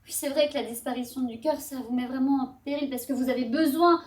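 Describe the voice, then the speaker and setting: A brave, kind young girl , played by a woman, with a high, eager voice. She fires off quick questions. The recording sounds roomy and far from the mic. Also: a little mellow, natural voice. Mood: lively. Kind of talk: live children's story theatre. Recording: roomy hall, distant mic.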